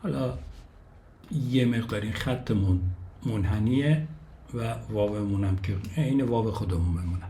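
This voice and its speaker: A man's voice: on the low side, dark tone, slight background noise. A man teaching a step-by-step Japanese lesson, counting the strokes aloud and repeating each syllable for learners to copy.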